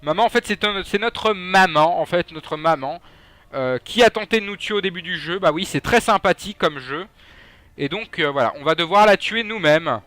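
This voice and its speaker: A man's voice: high-pitched, moderate pace, fairly bright tone, dry recording. A young man giving casual, joking gameplay commentary, trash-talking enemies and swearing. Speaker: gaming YouTuber.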